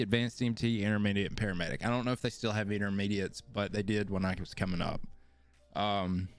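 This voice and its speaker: A man hosts a podcast and tells his own story in a loose, rambling way, often poking fun at himself and repeating phrases as he goes. His voice sits a little low and comes through smooth and clear. A soft layer of music plays faintly behind him. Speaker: podcast host. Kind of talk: casual storytelling monologue.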